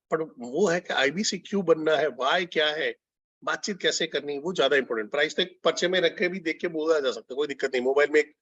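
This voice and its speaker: Husky-voiced man giving a sales training talk. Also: fairly high pitch, a bit bright, no room sound. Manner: conversational, mixing Hindi and English, asks the audience questions. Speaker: business consultant and telecalling trainer. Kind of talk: training session lecture. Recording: dull lo-fi sound, dry.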